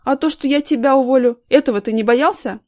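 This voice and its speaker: A woman's voice: fairly high pitch, moderate pace, a little mellow, no room sound, studio quality, lightly acted. A woman reading a novel aloud, voicing a stern middle-aged male TV station boss who scolds and gives orders. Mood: thundering angry. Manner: commanding, scolding.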